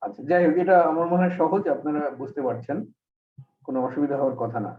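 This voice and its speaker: A man's voice: a little high, fast. A man teaching an online Arabic grammar class, explaining patiently step by step. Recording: echoey, distant, phone-like call audio.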